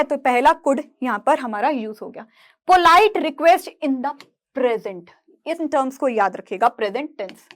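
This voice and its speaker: A woman's voice: high voice, a bit bright. A young woman teacher explaining grammar step by step, often asking checking questions. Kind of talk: grammar lesson.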